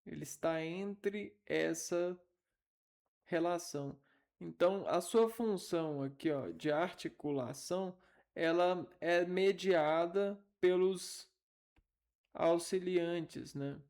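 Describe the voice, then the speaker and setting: A man giving an informal linguistics lesson, halting and thinking aloud as he repeats syllables. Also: high-pitched, vocal fry, a little mellow. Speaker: teacher.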